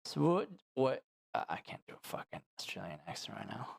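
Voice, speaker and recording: A man's voice: on the low side, big pitch swings, brisk, creaky. A man streaming gameplay and commenting on it, joking and swearing and mocking himself. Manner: joking, crude, self-mocking.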